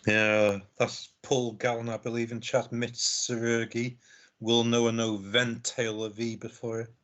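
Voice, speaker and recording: A man co-commentating a live game, measured and reflective as he chimes in on plays. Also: medium pitch, level tone, a bit bright, dull audio.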